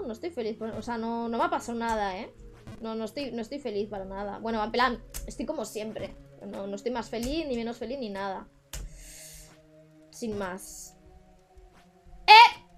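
A young woman with a Spain Spanish accent, chatting on a live gaming stream, frustrated and swearing at the game. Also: on the high side.

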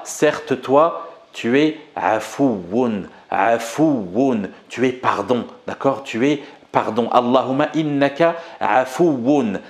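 A man teaching an Arabic lesson and drilling words slowly for viewers to repeat. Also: mid-range voice. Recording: echoey room.

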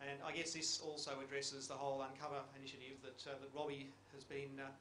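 This middle-aged man's mid-range, fairly bright voice moves fast with little pitch movement. He sits on a conference panel for a geological survey, reflecting and questioning the audience through a handheld mic. The room echoes and there is a faint hiss.

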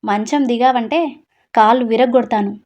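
A woman's voice: a little high, moderate pace, darkish tone, natural voice. A woman voicing a playful, bossy young husband who teases and scolds his wife in a read-aloud story. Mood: teasing. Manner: teasing, scolding.

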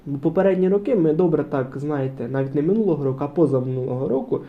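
A man's voice: fairly high pitch, lively intonation, racing, narrow, tinny audio. A man hosting a truck game playthrough, rambling in casual commentary with many fillers. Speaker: gaming channel host. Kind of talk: casual let's-play commentary.

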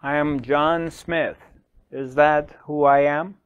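A middle-aged man, a spiritual teacher, speaking slowly to the camera with long pauses and repeated questions, on a lapel mic in a small studio. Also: a little high, fairly even intonation, smooth, no echo, highs cut off. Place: small dark studio, indoors.

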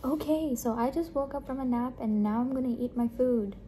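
A young woman, a medical student, chatting casually through her day as a vlogger, with relaxed fillers. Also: high voice, a little fast, over music. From Pakistan. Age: young adult. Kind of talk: casual vlog narration.

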